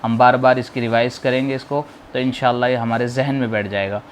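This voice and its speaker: A man teaching how to read the Quran, slowly drawing out each letter sound and patiently explaining how to pronounce it. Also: mid-range voice, steady tone, a little hiss or hum. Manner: slow, drawn-out modeling of sounds, explaining patiently. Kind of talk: spoken lesson on letter pronunciation.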